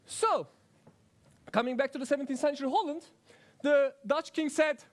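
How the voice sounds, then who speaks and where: A cheerful, chatty virus talks fondly to its listeners as though they were children, voiced by a man in a science talk. The voice sits strikingly high for a man, and it is playful and a little teasing. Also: normal speed. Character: friendly talkative good virus. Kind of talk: first-person stage science talk.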